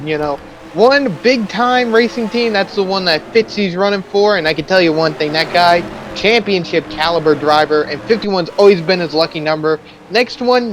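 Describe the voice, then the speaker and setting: A man giving color commentary on a simulated stock car race, rambling and excitable, often laughing at his own jokes. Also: on the high side, slight background noise, poor audio. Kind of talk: sim racing commentary.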